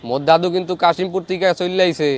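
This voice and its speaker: A young man mimicking rough-talking dialect men. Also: high voice, steady tone, quick pace, natural voice. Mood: threatening. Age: young adult. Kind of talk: mimicry of voices.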